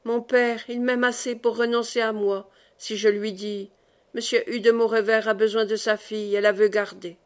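A woman's voice: on the high side, level tone, close to an everyday voice. Woman reading as a grave, devoted young daughter. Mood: earnest. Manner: grave and slow.

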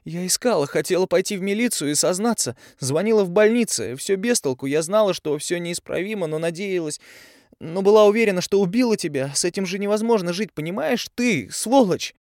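A furious young woman on the verge of tears, her voice high and straining as she shouts, put on by a male narrator. The recording is close and dry. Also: expressive, moderate pace, no echo. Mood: anguished. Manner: shrill, yelling, near tears.

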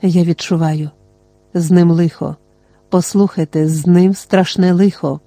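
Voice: medium pitch, steady tone, measured pace, dark tone, no room sound. A reader voicing a frightened young sorceress who speaks in a trembling, pleading voice in an audiobook.

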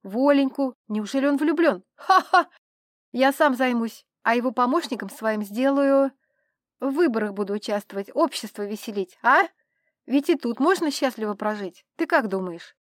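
A woman voicing a tipsy, chattering male count who rambles excitedly and pleads with his friends. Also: fairly high pitch, moderate pace, dry recording, clean studio sound, close to an everyday voice. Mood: rambling.

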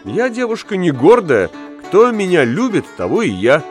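A man's voice: high voice, huge pitch swings, normal speed, soft background music, voice pushed up. Man doing brash teasing young women. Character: mocking crowd of bawdy young women.

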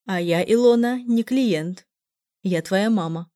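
A woman's voice: medium pitch, takes it slowly, dark tone, no room sound, studio quality, natural voice. A woman voicing a cold, mocking, middle-aged mother who sneers at her daughter in an audiobook. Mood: sneering. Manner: sneering, sarcastic.

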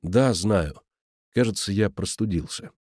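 A man's voice: fairly low pitch, measured pace, breathy edge, no room sound, clean studio sound. A man as a weary reserved inspector. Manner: quiet, reserved, hesitant.

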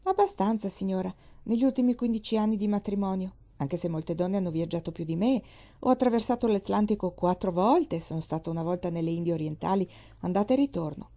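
A woman's voice: medium pitch, a little fast, dark tone, dull audio, close to an everyday voice. A woman reading the part of a forthright middle-aged navy wife, speaking emphatically, as if lecturing. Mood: recounting.

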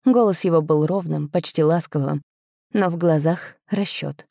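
Brief: woman audiobook narrator, low mellow voice, close dry mic, steady expressive first-person reading. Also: moderate pace, creaky, no echo.

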